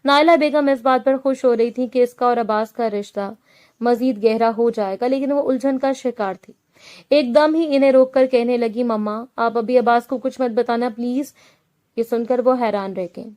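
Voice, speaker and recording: A woman narrating a romantic novel in a steady storytelling manner. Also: fairly high pitch. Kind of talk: scripted narration.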